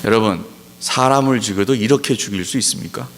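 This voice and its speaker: A man preaching a sermon as pastor, pressing his points with emphatic rhetorical questions and slowing down to stress key words. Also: on the low side, a little hiss or hum. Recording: long hall reverb.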